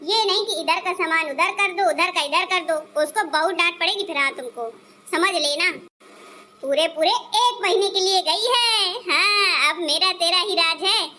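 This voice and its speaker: A woman's voice: extremely high pitch, unhurried, sharp tone, slight background noise, heavily acted. A woman voicing a fussy, scheming mother-in-law in a cartoon, who gets flustered and stammers when she is caught out. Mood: bossy. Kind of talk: Hindi cartoon dubbing.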